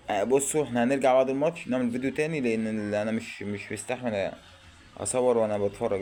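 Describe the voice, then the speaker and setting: A man with an Egyptian accent giving a live reaction while watching a football match, anxious and excitable, pleading and exclaiming. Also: fairly low pitch. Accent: Egyptian Arabic. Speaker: football fan vlogger.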